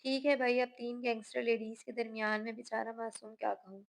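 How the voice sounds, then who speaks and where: A woman's voice: on the high side, flat delivery, brisk, vocal fry. A woman reading the lines of a playful, teasing young husband in a narrated novel.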